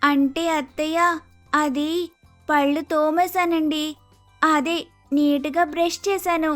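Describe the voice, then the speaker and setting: A woman with a high, slightly bright voice speaks slowly and fairly evenly, with faint music behind her. She plays a polite, naive young daughter-in-law in a story cartoon, using an Andhra Telugu accent. The character sounds innocent, deferential and hesitant, and is easily confused.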